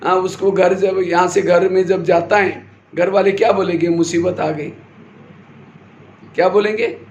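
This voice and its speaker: A man's voice: high voice, flat delivery, normal speed, muffled recording. Man preaching a class in a roomy hall, asks questions then answers them, bit of faint noise. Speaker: spiritual teacher giving a class. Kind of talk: sermon-style spiritual class. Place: hall with a live audience. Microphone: handheld or stand mic.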